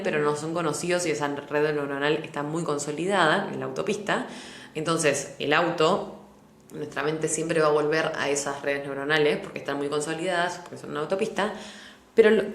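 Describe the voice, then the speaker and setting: A woman's voice: low voice, roomy sound. A young woman with a Rioplatense Spanish accent hosting a solo podcast, explaining animatedly with everyday examples. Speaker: podcast host. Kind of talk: casual solo podcast talk.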